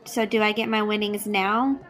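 A woman's voice: mid-range voice, steady tone, normal speed, fairly bright tone, a faint crowd. A woman playing a tabletop game, apologetic and unsure as she asks how the betting works. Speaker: player. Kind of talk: casual game chat.

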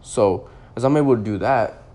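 A man's voice: mid-range voice, normal speed, dark tone. A young man in his twenties, a podcast host, telling a personal story in a loose, rambling way full of "like" and restarts. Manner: rambling, heavy use of "like" and restarts.

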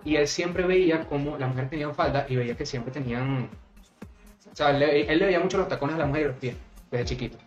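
A man with a Venezuelan accent hosting a casual podcast, teasing his guest with quick joking questions from a table mic at home. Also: on the high side, roomy sound, lo-fi sound, soft background music. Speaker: podcast host. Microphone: studio microphone on table.

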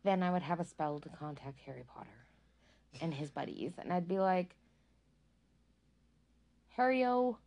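A woman's voice: sits low, fairly quick, mellow. A woman chatting casually as a guest, giggly and self-deprecating. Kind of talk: casual chat.

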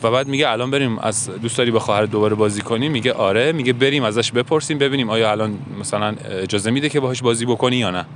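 A man's voice: medium pitch, hardly any pauses, a little hiss or hum. A man speaking in a reflective monologue, earnest and musing, often asking himself questions. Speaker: self-help podcaster.

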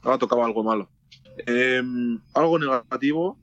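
A young man co-hosting a podcast, speaking candidly with many halting repeats. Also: medium pitch, a bit bright, dry recording. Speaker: podcast co-host. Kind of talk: casual chat. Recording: dull, dry lo-fi sound.

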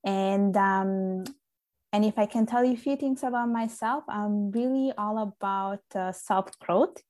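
A woman's voice: mid-range voice, unhurried, a little mellow. A young woman from Italy, a podcast guest, chatting earnestly with frequent fillers in a casual interview.

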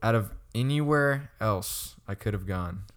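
A man's voice: fairly low pitch, measured pace. A young man co-hosting a casual chat, rambling with lots of stammered restarts and frequent laughter. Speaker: podcast co-host.

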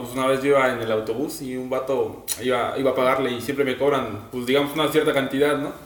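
A man with a Mexican accent, a podcast guest, calmly telling a long, rambling anecdote. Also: mid-range voice. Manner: calm, rambling anecdote teller. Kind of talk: casual storytelling. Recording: roomy, from far off the mic.

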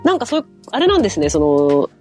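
A woman's voice: medium pitch, huge pitch swings, racing, a little mellow, soft background music. A woman chatting casually as a curious listener, reacting eagerly and thinking aloud as she asks questions. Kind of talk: casual chat, asking questions.

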